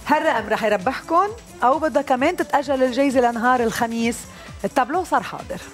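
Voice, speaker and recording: A woman's voice: high-pitched, very fast, soft background music. A woman with a Lebanese accent hosting a live TV lottery show in a chatty way from a studio. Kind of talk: live TV presenting. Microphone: headset.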